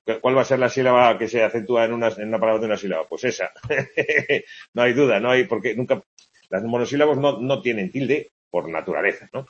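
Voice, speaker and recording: A man's voice: medium pitch, a little fast. A man giving a casual grammar lesson, chatty and full of tag questions. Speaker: Spanish teacher. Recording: lo-fi dull sound.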